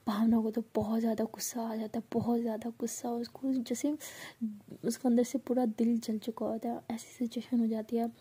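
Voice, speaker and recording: A woman's voice: fairly high pitch, flat delivery, a little fast, warm tone, slightly rough. A woman casually retelling a love story in a chatty, repetitive way, often drifting into whispers.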